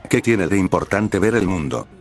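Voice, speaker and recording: A man voicing a distraught, anxious young woman in a story reading, delivered in a flat, even way. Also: low voice, normal speed. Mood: upset.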